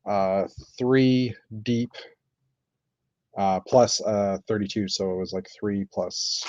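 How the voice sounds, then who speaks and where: A man chatting casually on a live stream while building, thinking aloud with many pauses and fillers. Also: fairly low pitch, a little mellow. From Canada. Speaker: streamer building with toy bricks. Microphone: computer mic on live stream. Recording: dull lo-fi stream audio.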